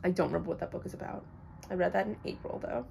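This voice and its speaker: A woman's voice: on the low side, steady tone, very fast, creaky, warm tone, a little hiss or hum. A young woman casually rambling through blunt opinions on books she has read, with lots of fillers. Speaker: book vlogger. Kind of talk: casual chat.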